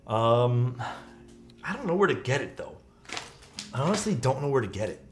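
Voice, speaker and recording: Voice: mid-range voice, big pitch swings, moderate pace, noisy background. A live streamer chatting casually with viewers, thanking them and using slangy, mildly sweary talk full of dude and bro.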